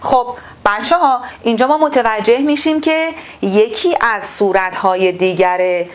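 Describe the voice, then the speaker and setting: A woman teaching a sixth-grade literature lesson online, reading the text slowly and then explaining it to the children. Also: on the high side, expressive. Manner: asks the class questions and answers them herself.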